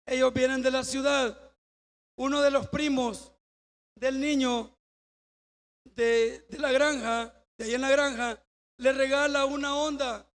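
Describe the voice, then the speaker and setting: High voiced preacher guy, slow, tells a story and shouts parts of it, big church hall echo. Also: steady tone. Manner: storytelling, acting out quoted dialogue, bursts of shouting. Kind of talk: sermon illustration story.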